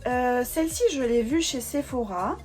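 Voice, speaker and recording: A woman's voice: on the high side, expressive, moderate pace, darkish tone, soft background music. Chatty young woman showing beauty buys. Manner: chatty, hesitant with many fillers, enthusiastic. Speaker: beauty vlogger. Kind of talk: casual haul video chat.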